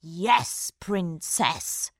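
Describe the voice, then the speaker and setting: A woman's voice: lowish voice, expressive, extremely slow, slightly rough, no echo, heavily acted. A woman doing a sly old magician. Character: cunning old male magician, greedy and sly. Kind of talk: storybook read-aloud.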